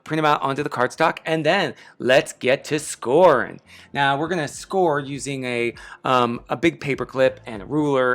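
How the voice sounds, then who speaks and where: A man's voice: medium pitch, a bit bright. A man hosting a casual step-by-step craft tutorial, chatty and enthusiastic, with slightly impeded articulation from a sore tongue. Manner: chatty, enthusiastic, self-deprecating. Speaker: craft lesson host. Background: background music.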